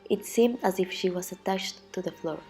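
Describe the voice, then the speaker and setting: A woman with a mellow, dark voice narrates an ancient myth from a script. She tells it gravely, with light music playing underneath. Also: mid-range voice, normal speed.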